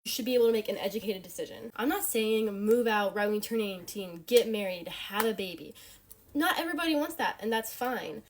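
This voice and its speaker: A woman's voice: medium pitch, lively intonation, brisk, a little hiss or hum. A woman in her late teens, a young wife and mother, giving blunt, emphatic opinions straight to camera. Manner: emphatic, blunt, rising to forceful points.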